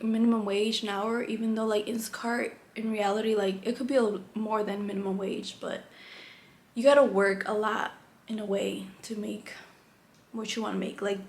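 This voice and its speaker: Rambling young woman vlogger, echoey room. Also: fairly high pitch. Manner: rambling, candid, lots of "like". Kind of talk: casual chat. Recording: echoey room, faint background hum.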